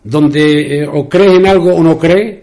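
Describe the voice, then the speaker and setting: Older man, extremaduran accent, mellow and warm tone, rambling storyteller, repeats words, radio guest. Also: fairly high pitch, a little slow. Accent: Extremaduran Spanish. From Spain. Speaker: interview guest. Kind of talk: storytelling in an interview. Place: local radio studio.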